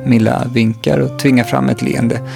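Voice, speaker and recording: A male narrator reading a children's story aloud in a calm, steady way. His mid-pitched voice has a gravelly grain, with faint music under it. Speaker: audiobook narrator.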